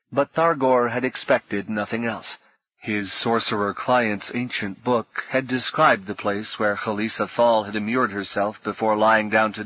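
A man reading a fantasy novel aloud in a measured storytelling voice. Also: fairly low pitch, fairly bright tone, dry recording, lo-fi sound. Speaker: audiobook narrator. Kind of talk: scripted narration.

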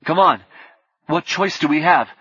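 A man's voice: on the high side, measured pace, sharp tone, husky, dry recording, pitched above the performer's own voice, heavily acted. A feverish young man pressing everyone to follow him, as a male narrator gives him a raised voice. He sounds insistent and pleading. The recording is dull and dry.

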